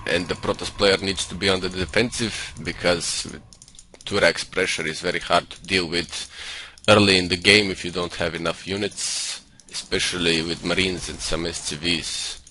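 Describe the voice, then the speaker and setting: Sitting low with a bright, forceful tone, this man fakes a Russian accent for laughs while casting StarCraft in a live-style stream. He sounds smug and condescending, and his home computer microphone picks up faint noise.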